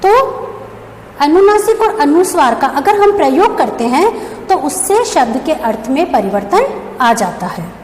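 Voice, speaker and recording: A woman's voice: sits high, sing-song, a little slow, a little mellow. A woman school teacher giving a grammar lesson, explaining step by step and asking and answering her own questions. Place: classroom or school room. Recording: echoey room with long reverb, faint background hum.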